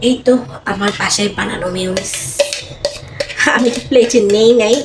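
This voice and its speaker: A young woman, chatting quickly through a casual cooking vlog at home and mixing in English words. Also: mid-range voice, background noise. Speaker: cooking vlogger. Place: home kitchen.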